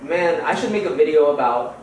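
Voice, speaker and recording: Expressive and a little fast, with a darkish tone and a slightly high pitch, a young Houston man speaks as a podcast guest. The casual interview finds him laid-back, slangy and heavy on fillers. It sounds echoey and faintly noisy, picked up from far off.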